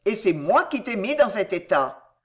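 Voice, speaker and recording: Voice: mid-range voice, close to an everyday voice. A reader doing a menacing grand inquisitor. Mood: harsh triumph. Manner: calm, slow and insistent, then harsh. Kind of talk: audiobook reading.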